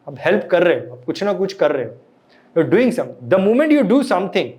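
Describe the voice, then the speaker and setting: A man's voice: sits high, very animated, a little slow, darkish tone. A man lecturing a live class, often quizzing his listeners and mixing in English phrases. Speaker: meditation and emotions teacher.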